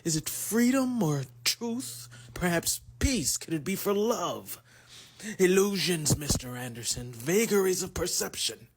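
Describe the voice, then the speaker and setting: A man's voice: sits high, slightly rough, pitched above the performer's own voice, exaggerated voice. A man playing a bitter, menacing machine agent in a dramatic film monologue, declaiming and interrogating with heavy emphasis.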